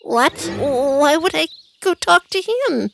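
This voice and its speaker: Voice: high voice, big pitch swings, slow, gravelly, fairly bright tone, no echo, soft background music, full character voice. A voice actor playing a small, timid male mouse who talks hesitantly in a children's storybook. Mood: glum. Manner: hesitant, stammering politeness.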